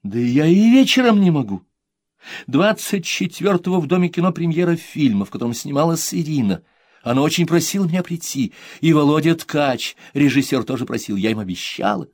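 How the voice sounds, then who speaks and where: A harried middle-aged woman filmmaker, put on by a man, scolding her son in exasperation. The voice is pushed high and sharp. It is recorded dry and close. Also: animated, fairly quick, no room sound. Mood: exasperated.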